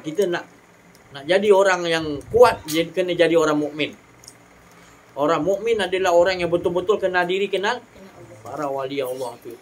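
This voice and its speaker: Animated religious teacher. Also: mid-range voice, slight background noise. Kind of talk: sermon.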